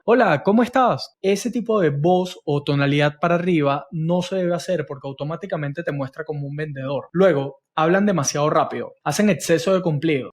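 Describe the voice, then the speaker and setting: A man's voice: fairly high pitch, a little mellow. A man teaching insurance sales, explaining step by step and often checking in with "¿ok?". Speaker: sales trainer. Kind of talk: instructional talk with acted call examples.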